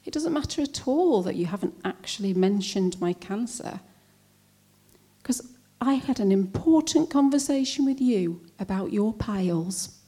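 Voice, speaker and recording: A woman recites her own spoken-word poem in an unhurried, measured way. Her voice is soft and mellow, and her lines come out wry and pointed. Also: medium pitch, expressive, breathy edge. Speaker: poet. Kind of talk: spoken-word poetry performance.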